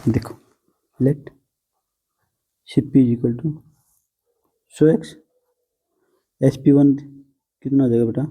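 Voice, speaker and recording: A man's voice: mid-range voice, fairly even intonation, very slow, pauses often, warm tone, husky. A man teaching a math lesson to students, patient and coaxing, often calling them "beta" and teasing them a little.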